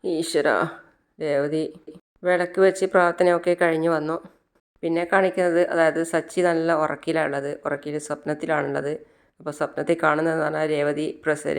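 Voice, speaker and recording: A woman's voice: sits low, flat delivery, a little fast. A woman vlogger retelling a TV serial episode in a loose, casual way, correcting herself as she goes and acting out bits of the dialogue.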